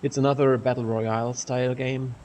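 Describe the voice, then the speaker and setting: A man's voice: mid-range voice, flat delivery, fairly quick, darkish tone. Man with heavy room echo. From Germany. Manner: loose and rambling, swears freely. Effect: echoey room sound, like a big bare hall. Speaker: gaming channel host. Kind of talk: casual rambling vlog over gameplay. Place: sparsely furnished room at home with large windows. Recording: echoey room with faint noise.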